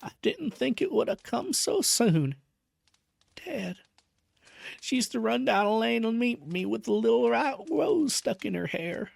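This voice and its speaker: A man voicing a grief-stricken gray-haired old man who speaks vacantly and haltingly in a storybook reading. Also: very high voice, sing-song, vocal fry, no echo, pitched above the performer's own voice, heavily acted. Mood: dazed grief.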